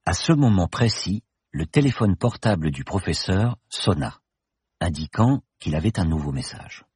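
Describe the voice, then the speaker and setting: Deep, husky male audiobook narrator. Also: very animated, normal speed, a little mellow, dry recording, clean studio sound.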